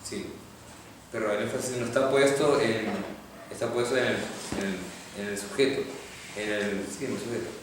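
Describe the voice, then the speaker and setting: A man's voice: lowish voice, normal speed. Man, teacher, patient step-by-step explaining, very echoey classroom, distant mic. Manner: patient, explains step by step with repeated questions to students. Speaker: Hebrew teacher. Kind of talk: classroom lecture. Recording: echoey classroom from far off, faint noise.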